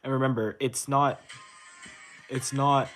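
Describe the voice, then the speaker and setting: A man's voice: medium pitch, level tone, slow pace, fairly bright tone. Laid-back young man swearing casually. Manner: counts out note timings aloud. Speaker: rhythm game player explaining a chart. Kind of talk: casual tutorial commentary. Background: rhythm game music.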